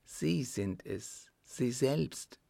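A man reading an audiobook, voicing a rich, resolute widowed countess in a raised, softly confiding voice. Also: medium pitch, expressive, extremely slow, vocal fry, no echo, voice pushed up, exaggerated voice.

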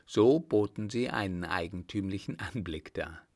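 A man narrating an audiobook in a calm, even storytelling manner. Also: low-pitched, moderate pace, gravelly.

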